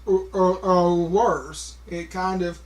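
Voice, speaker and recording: A male vlogger talks casually to a camera in a high-pitched, steady voice. He has a heavy stutter, repeating sounds and stopping on words, and his delivery is slow and halting with many fillers.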